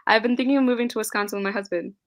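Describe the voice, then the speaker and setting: A young woman hosts a casual book chat on a live stream, reading viewer comments aloud while sounding giggly and scattered, laughing often. Her voice sits on the high side with a steady tone, and she talks very fast.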